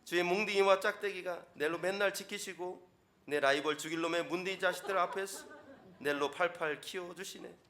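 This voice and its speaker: A man's voice: brisk, a little hiss or hum. A man putting on a boisterous Gyeongsang-dialect speaker with a raised, laughing voice in a sermon. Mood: playful. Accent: Gyeongsang dialect, put on. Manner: pitched up, loud and laughing.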